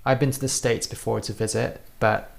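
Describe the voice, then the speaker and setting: A man's voice: mid-range voice, steady tone, normal speed, creaky. A man in his thirties from Singapore, an interview guest telling his story in an earnest, thoughtful way with frequent restarts. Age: 30s. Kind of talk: reflective personal storytelling.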